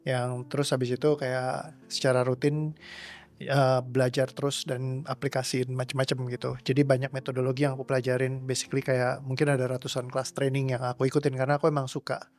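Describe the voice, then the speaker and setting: A man's voice: mid-range voice, completely flat delivery, brisk, darkish tone, soft background music. A young man answering interview questions as a coach, rambling casually and slipping English words into his speech. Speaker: trauma release coach.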